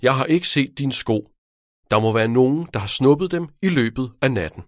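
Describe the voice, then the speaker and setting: A man voicing a helpful male supercomputer sidekick, calm and matter-of-fact, in a children's audiobook. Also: medium pitch, no room sound, clean studio sound, close to an everyday voice. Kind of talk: storybook character voice.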